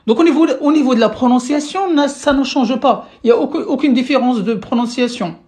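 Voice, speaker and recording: A high-pitched, brisk voice with a darkish tone delivers a live-streamed language lesson. The teacher explains patiently in steps, keeps checking in with viewers, and frequently restarts and repeats words. Because the mic is far off, the recording sounds roomy.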